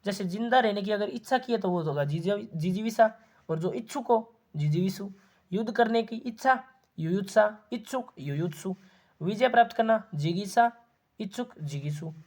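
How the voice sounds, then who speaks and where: A man's voice: high voice, animated, moderate pace, darkish tone. A man teaching an exam-prep lesson, asking questions and then answering them himself, repeating key words.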